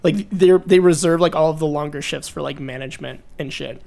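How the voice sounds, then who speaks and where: A young man co-hosting a podcast, telling a story in casual chat, excitable and profane, laughing through it. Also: fairly high pitch, brisk, gravelly. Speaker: podcast co-host.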